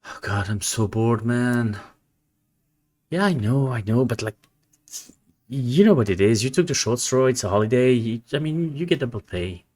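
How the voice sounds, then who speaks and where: A man's voice: mid-range voice, expressive, moderate pace, darkish tone, lightly acted. A man playing a bored, grumbling male guard in a tabletop game, speaking in casual slang. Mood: bored, griping. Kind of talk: tabletop game role-play.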